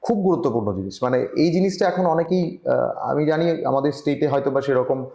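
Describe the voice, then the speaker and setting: A man's voice: medium pitch, a little fast, creaky, dark tone. Earnest man on a roomy video call. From Tripura, India. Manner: earnest, advising, with frequent hesitations. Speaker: journalist guest. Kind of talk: online interview conversation.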